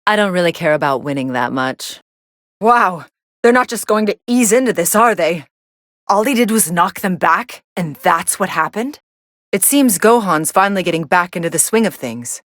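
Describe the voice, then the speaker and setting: Fighting game role: sardonic young android woman voiced by an actress, lowish pitch, dry studio sound, dismissive commentary. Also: dry recording, lightly acted. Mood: startled. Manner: deadpan, dismissive.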